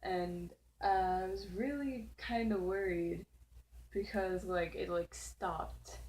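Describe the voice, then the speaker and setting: With a lowish, slightly mellow voice and a slow pace, a teenage girl hosting her channel tells a spooky story from home. She rambles casually, full of giggles and "like" fillers. The recording is low quality, with faint noise behind her.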